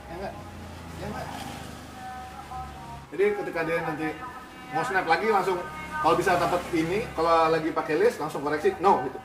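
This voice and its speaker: A man's voice: on the high side, steady tone, fast talker. A man, a dog behavior trainer, explaining and coaching owners in a firm, casual way, mixing in English commands. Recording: roomy, distant mic, music behind.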